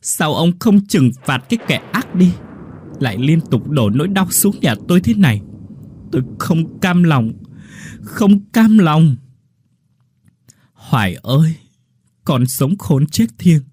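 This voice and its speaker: A man's voice: fairly low pitch, animated, normal speed, dark tone, a little hiss or hum, close to an everyday voice. A man voicing a grieving older village father who cries out in anguish.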